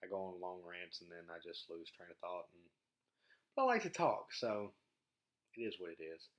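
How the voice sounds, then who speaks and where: A man's voice: low-pitched, level tone, normal speed. A young man from Mississippi with a Southern US accent hosting a podcast, chatting in a casual, rambling, slangy and laid-back way. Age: young adult. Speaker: podcast host. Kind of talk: casual rambling vlog chat. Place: small home studio. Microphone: dedicated podcast microphone.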